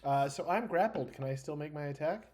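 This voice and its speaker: A man's voice: fairly high pitch, lively intonation, fairly quick, a little mellow. A man chatting casually as a player in a tabletop roleplaying game.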